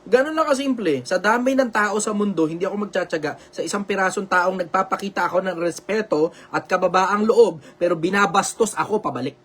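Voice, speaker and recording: Loud Filipino show host, high voice, blunt and repetitive, swears freely. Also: male voice, a little fast, few pauses. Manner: says he speaks loudly on purpose for social media. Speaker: live show host answering viewer questions. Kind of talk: loud, preachy live advice talk. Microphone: video call.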